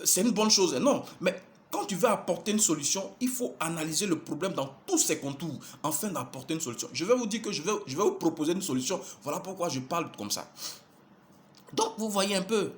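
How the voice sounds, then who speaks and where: A man delivering an impassioned, exhortative monologue, repeating phrases and calling his listeners brothers. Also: high-pitched. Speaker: preacher addressing followers.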